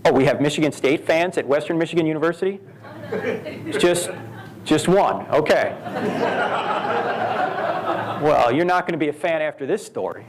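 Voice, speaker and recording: Lively high-pitched man lecturing. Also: normal speed, pauses often, crowd noise. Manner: animated, rhetorical questions and storytelling. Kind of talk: live lecture to a university audience. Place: university event hall.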